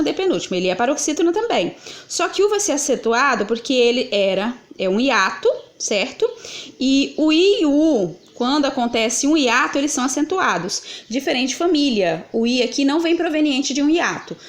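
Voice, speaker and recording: A woman walks through grammar exercises, patient and methodical, asking questions and answering them herself. Her voice sits a little high for a woman. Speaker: Portuguese teacher.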